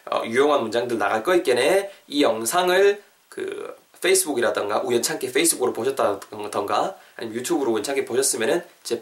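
A young adult man, hosting a podcast English lesson and drilling phrases over and over in a lively way. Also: medium pitch. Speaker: English teacher and podcast host. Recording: roomy room, distant from mic.

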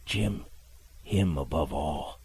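A man voicing a gruff, dying old sea captain who murmurs slowly in rough sailor's speech, his voice weak and faint. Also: deep voice, exaggerated voice. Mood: urgent. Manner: slow, murmuring, at times whispered.

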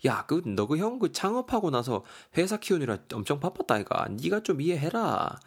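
Blunt young friend with a Gyeongsang accent, voiced by a man, slow and chiding. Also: a little high, very animated, slightly rough, voice pushed up, full character voice. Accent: Gyeongsang Korean.

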